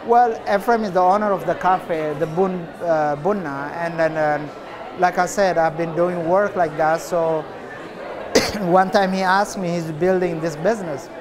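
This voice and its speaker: A man in his forties from Ethiopia, an artist answering interview questions in a relaxed, unhurried way with many filler pauses, recorded indoors in a cafe. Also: sits high, a crowd in the background.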